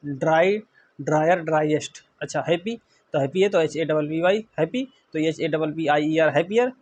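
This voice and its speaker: A man from India teaching English grammar in a classroom-style lecture, spelling words letter by letter and often checking that students follow. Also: a little high.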